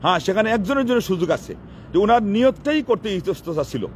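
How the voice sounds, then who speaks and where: High-voiced male preacher explaining rulings. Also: big pitch swings, fast, a little hiss or hum. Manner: explanatory, asks and answers his own questions. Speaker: Islamic preacher. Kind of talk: sermon.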